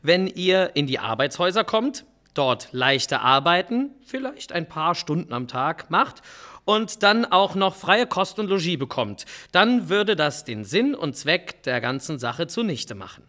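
A man's voice: on the high side, big pitch swings, a little slow, pushed and bright, exaggerated voice. A man playing a stern Victorian economist and government adviser in a scripted history podcast, lecturing in a self-assured way. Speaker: guest expert.

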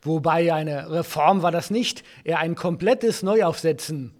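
A man playing a sly Victorian host in a scripted history podcast, smooth and teasing. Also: on the high side, measured pace, a little mellow. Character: sly Victorian host, man, posing as a ghostly old partner.

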